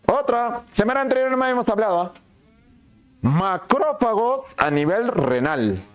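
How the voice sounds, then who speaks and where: Lively man teaching anatomy. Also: sits high, a little slow. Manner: asks and answers his own questions, plays the students' lines too. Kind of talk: lively classroom lecture.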